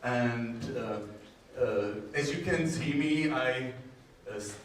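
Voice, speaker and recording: The speaker is a university groundwater modeler from the Czech Republic, presenting technical content at a conference with a Czech accent. He talks slowly at medium pitch and hesitates a lot, splitting his phrases with frequent long pauses. The recording comes from a distant mic in a strongly echoing indoor room, with faint background noise.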